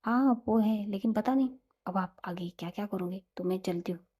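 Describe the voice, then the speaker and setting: A woman's voice: medium pitch, moderate pace, warm tone, lightly acted. Woman voicing a cheeky younger sister. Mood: teasing.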